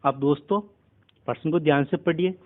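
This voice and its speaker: A man talks through exam maths problems in a steady, step-by-step way. His voice sits a touch higher than most men's, and he keeps the tone of a patient tutor. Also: brisk, phone-quality sound. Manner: steady step-by-step explaining, keeps addressing listeners as friends. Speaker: maths teacher. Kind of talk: exam-prep maths lesson.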